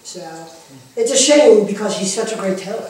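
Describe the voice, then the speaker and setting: A male wrestling manager talks at length in a relaxed interview, often repeating a phrase for emphasis. The sound is heavily echoing, with the voice some way from the microphone. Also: high voice, moderate pace. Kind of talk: casual interview chat. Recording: echoey room, far from the mic.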